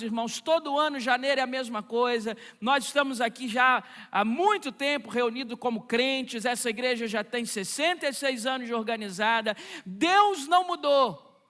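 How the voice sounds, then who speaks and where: A man with a very high, bright, forceful voice preaches a sermon to his church. He leans hard on his points and repeats key phrases for weight. His voice rings with the long echo of a church hall. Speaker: pastor.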